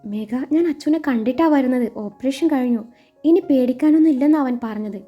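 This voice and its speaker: A woman voicing a caring young man who speaks softly and reassuringly in a read-aloud story. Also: sits high, a little fast. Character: tender teasing young man, protective. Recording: muffled recording with soft music.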